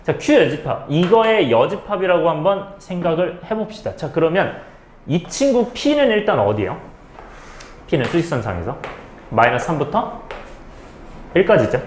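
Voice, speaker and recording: A male math teacher explains a lesson with a lively, rising and falling voice and a slightly raised pitch. He keeps checking in with his students, asking questions and then answering them himself. The recording has a roomy echo and a faint hiss of background noise. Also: moderate pace, long pauses.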